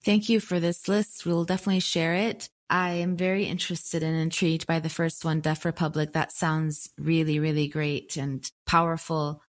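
Low-voiced woman podcast host. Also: little pitch movement, normal speed, hardly any pauses, dry recording. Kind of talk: warm interview conversation.

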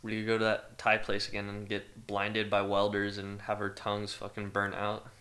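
A man's voice: fairly low pitch, monotone, normal speed, sharp tone, slight background noise. A man in his twenties co-hosting a podcast, chatting casually like a frat bro with plenty of slang and swearing. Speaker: podcast co-host. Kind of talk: casual banter among friends.

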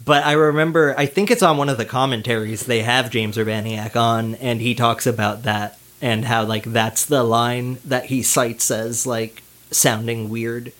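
A man co-hosting a podcast in an easygoing chat. His voice sits at an ordinary middle pitch, and he keeps things loose with quick laughs and casual swearing. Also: fairly even intonation, a bit bright. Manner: laid-back, laughing often, casual swearing. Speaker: podcast co-host.

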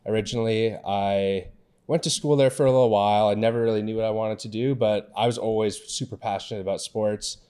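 A man in his twenties from Canada, co-hosting a podcast in a relaxed, rambling chat. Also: on the low side, a little fast, smooth. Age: 20s. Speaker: podcast co-host. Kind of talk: casual chat.

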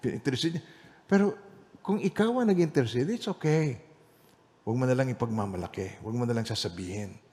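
Animated male pastor preaching in reverberant hall. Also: mid-range voice, brisk. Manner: animated storytelling, swinging between loud emphasis and quiet asides. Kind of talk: Bible study sermon with personal testimony.

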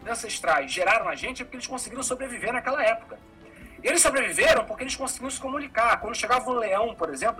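A man's voice: very high voice, bright, forceful tone, poor audio. A man hosting a casual discussion, explaining ideas thoughtfully. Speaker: host.

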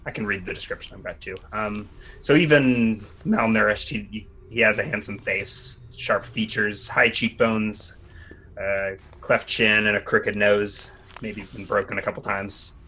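A man's voice: lowish voice, steady tone, measured pace, sharp tone, husky. A man playing a tabletop game, describing a character in a casual, improvised way.

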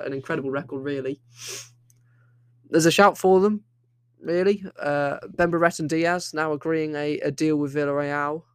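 A man's voice: fairly high pitch, a bit bright, clean tone, no echo, clean studio sound. A young man hosting a solo football podcast, opinionated and rambling, often restarting his sentences. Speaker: podcast host.

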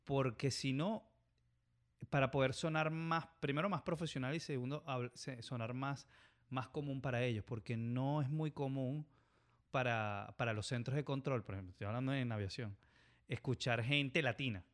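Venezuelan man, pilot, casual chat, animated and rambling. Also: medium pitch, normal speed. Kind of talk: casual conversation.

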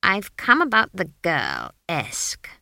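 Give me a sharp-tongued old witch, put on by a woman reading a story, indignant and stubborn. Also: lowish voice, wildly swooping pitch, slow pace, vocal fry, no room sound, studio quality, full character voice. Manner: indignant, scolding.

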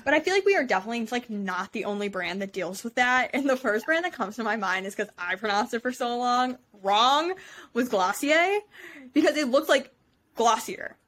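Rambling young woman, high-ish voice. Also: expressive, brisk, fairly bright tone. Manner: rambling, heavy use of "like". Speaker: podcast co-host. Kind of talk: casual chat.

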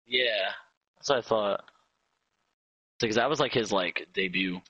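Male co-host, bright and animated, rambling, dry lo-fi mic. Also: lowish voice, unhurried, husky, no echo. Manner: rambling, lots of filler, rising questions. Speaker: podcast co-host. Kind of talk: casual chat.

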